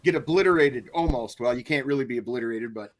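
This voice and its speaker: A man's voice: mid-range voice, fast talker. A man co-hosting a casual chat, easygoing and agreeable, introducing the next topic.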